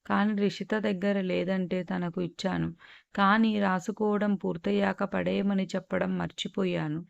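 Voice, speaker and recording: A woman's voice: mid-range voice, fairly even intonation, moderate pace, vocal fry, no echo, lo-fi sound. A woman voicing a stubborn, demanding young schoolgirl in a read-aloud story, with a pouty, insistent tone.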